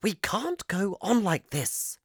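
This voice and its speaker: A man's voice: sits high, sing-song, takes it slowly, vocal fry, husky, no room sound, pitched above the performer's own voice, exaggerated voice. A weary, firm mother, as a storybook reader puts her on, tired yet not giving way. The voice is lifted well above the reader's own. It sounds dry and close.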